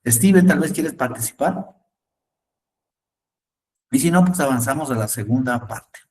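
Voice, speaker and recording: Patient male English teacher, mid-pitched, repeats and checks in, distant mic. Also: animated, a little mellow, a little hiss or hum. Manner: patient, repeats words slowly, asks "¿no?". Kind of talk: online class, explaining in Spanish.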